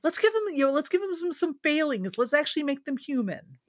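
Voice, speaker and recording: Lively woman host, slightly higher voice. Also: a little fast, no room sound, clean studio sound. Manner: laughs a lot, lively teasing. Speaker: podcast host and writer. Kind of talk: casual podcast chat.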